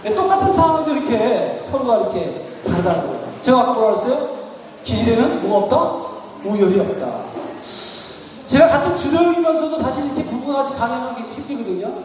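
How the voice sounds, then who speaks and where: A man's voice: very high voice, a little mellow, slight background noise. A man giving an interactive church seminar lecture, questioning the audience and acting out anecdotes. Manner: questions the audience and calls on people by title; tells anecdotes, acting out quoted lines. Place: large echoing hall with an audience. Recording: echoey hall, voice from far off.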